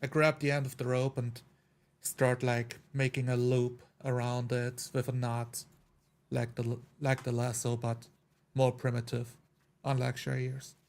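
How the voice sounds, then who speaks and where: A player in a tabletop roleplay voices a dwarf-like character, describing his actions in a flat, matter-of-fact way. His voice is medium in pitch and a little slow.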